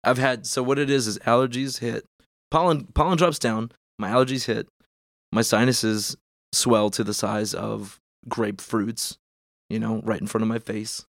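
A podcast host with a lowish, steady voice and vocal fry chats casually at a moderate pace, congested and losing his voice. He rambles in loose bursts heavy with fillers, and the recording is dry and studio quality.

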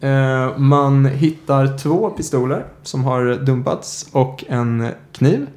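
Man, podcast host, casual true-crime storytelling, halting, filler-heavy, mid-pitched voice. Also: darkish tone. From Sweden. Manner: hesitant, many filler "eh"s.

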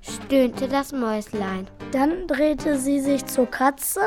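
A woman with a high voice reads a storybook tale aloud. She narrates in a clear, measured, expressive way. Music plays softly behind her.

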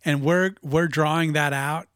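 A man's voice: a little high, fairly even intonation, measured pace, a bit bright, smooth, no echo. Man telling stories in a dry voice. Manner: anecdotal, laid-back, says "like" often. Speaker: podcast co-host, bass player. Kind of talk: casual chat about their record.

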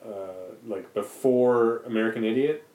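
A man's voice: mid-range voice, fairly even intonation, normal speed, a little mellow. A young man in casual chat on a podcast, hesitant and stammering as he starts his sentences. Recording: roomy echo.

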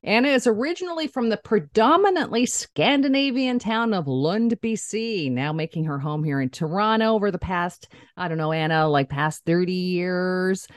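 A woman's voice: lowish voice, moderate pace, few pauses, no echo. Middle-aged woman hosting, dry close sound. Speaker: podcast host. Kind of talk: casual chatty hosting.

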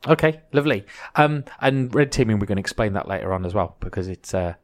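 A man's voice: lowish voice, animated, fast. A man with a Welsh accent hosting a podcast in a chatty, joking way, often restarting his sentences. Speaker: podcast host. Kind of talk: casual podcast chat.

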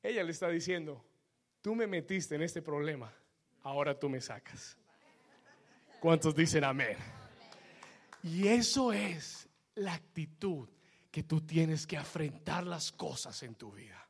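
A male pastor preaching a fervent sermon, swelling to shouts and calling the congregation for amens. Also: a little high, animated, measured pace, pauses often.

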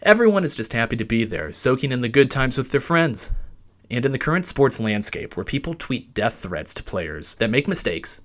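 A male podcast host tells a scripted sports story with lively, wide-ranging intonation. His pitch sits in the middle for a man and moves around freely. He is recording inside a closet in a basement. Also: normal speed.

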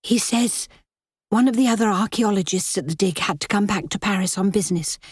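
A woman's voice: mid-range voice, fairly quick, husky, dry recording, clean studio sound, voice pushed up, lightly acted. A woman voicing a restrained young aristocratic wife in a storybook reading. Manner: restrained, quiet.

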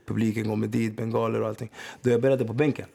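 A man's voice: on the low side, little pitch movement, vocal fry, dark tone. A man, a former footballer telling streetwise stories in a casual interview, often checking that the listener follows. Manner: streetwise, repeats "förstår du vad jag menar". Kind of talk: casual storytelling.

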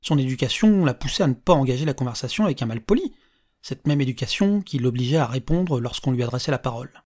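A narrator reading a story aloud in a calm, measured audiobook style. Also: mid-range voice.

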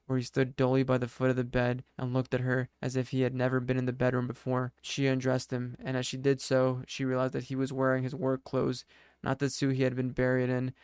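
A male storyteller reading a scripted tale at a steady, even pace. His voice is smooth and clear, with almost no melodic movement. The sound is close and dry. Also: mid-range voice, a little fast, no room sound. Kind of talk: scripted narration.

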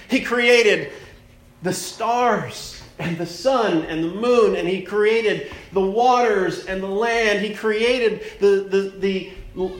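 A man preaching a sermon at a pulpit microphone in a church, plainspoken and conversational, stressing words slowly for emphasis. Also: high-pitched. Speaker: pastor. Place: church sanctuary. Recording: echoey church room.

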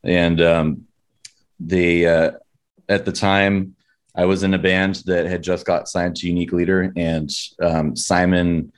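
This San Diego metal vocalist, interviewed as a guest, talks in a low register with little pitch movement and a measured pace. His Californian accent colors loose, slang-filled storytelling in an informal, wandering chat.

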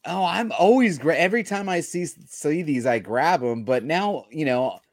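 A man co-hosting a casual chat, talking in an animated, fretful way. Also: fairly high pitch, normal speed, no echo, studio quality. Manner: animated, worried tone. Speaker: co-host.

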